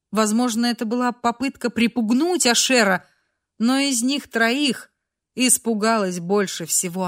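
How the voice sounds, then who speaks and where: A woman narrating a dramatic audiobook in a measured, expressive way. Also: fairly high pitch.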